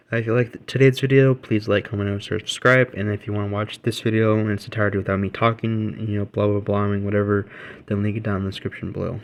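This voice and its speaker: A male gaming vlogger gives his opinions in a loose, casual rant. His voice sits a little low, and he rambles, restarting sentences and correcting himself mid-thought. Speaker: gaming reaction channel host.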